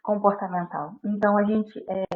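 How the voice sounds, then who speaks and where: A woman's voice: medium pitch, moderate pace. A woman speaking as a guest doctor in an interview, explaining at length, often acting out what parents and teachers say and ending phrases with a questioning tag. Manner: animated, acts out quoted adults, frequent "né?" tags. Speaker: guest neuropediatrician. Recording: dull lo-fi sound.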